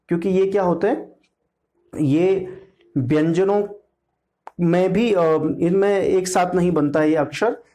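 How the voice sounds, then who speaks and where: Slow-spoken male grammar teacher. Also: sits high, mellow. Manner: slow, deliberate, repeats syllables to demonstrate pronunciation; keeps checking with "theek hai na". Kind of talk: exam-prep grammar lesson.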